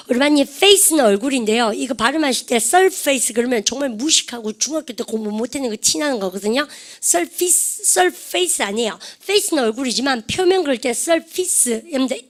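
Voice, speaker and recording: A woman English teacher giving an online grammar lecture, quizzing her students with constant questions and drilling English words aloud. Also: fairly high pitch.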